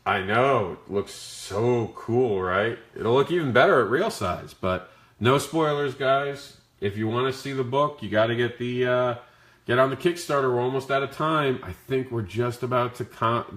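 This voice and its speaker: A man with a rough, growly voice from the flu, talking casually as he hosts a question-and-answer stream about his creative work. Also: medium pitch, moderate pace, a bit bright. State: sick with the flu. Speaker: comic creator hosting a Q&A. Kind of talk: casual livestream Q&A talk. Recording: echoey, roomy sound.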